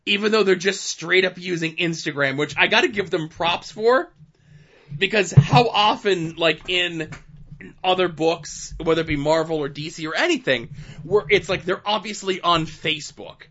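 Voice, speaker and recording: Man, comics podcast co-host, casual chat, bright forceful voice, slightly dull lo-fi sound. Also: sits high.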